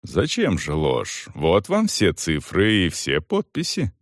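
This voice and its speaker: A man voicing a tedious male accountant who reads figures in a dry, steady, officious way. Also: low-pitched, slow pace, no room sound, full character voice. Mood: patient.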